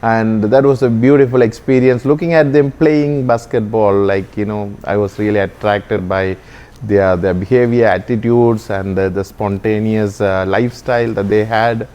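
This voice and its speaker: A man from Sri Lanka, a Jesuit priest earnestly telling the story of his vocation with frequent pauses and fillers. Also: lowish voice, steady tone, mellow, dull audio. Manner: earnest, often slowing and hesitating with fillers. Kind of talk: reflective personal storytelling.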